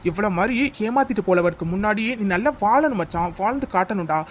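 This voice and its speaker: A man voicing a hot-headed young man who loudly defends his friend in a cartoon love story. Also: high-pitched, slight background noise, close to an everyday voice. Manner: loud, scolding, heated. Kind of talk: cartoon voice acting.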